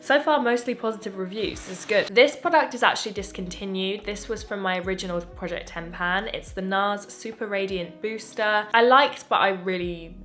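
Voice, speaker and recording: At home, a young English beauty vlogger chats and gushes over makeup, frequently breaking off her own sentences. Her tone is fairly bright and her pitch fairly low, with a slight strain as her voice starts to go.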